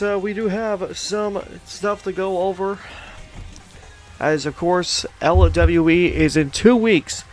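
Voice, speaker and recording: A man hosting and commentating a live online wrestling show, hyping upcoming events to the folks watching and chatting with his co-host. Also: high voice. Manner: hype announcer tone, addresses folks, chatty with co-host.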